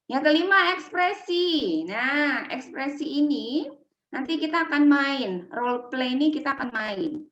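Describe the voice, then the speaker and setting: A woman teaching public speaking for children to parents in a lively workshop talk, demonstrating intonation as she explains. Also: high voice, unhurried, roomy sound, dull audio.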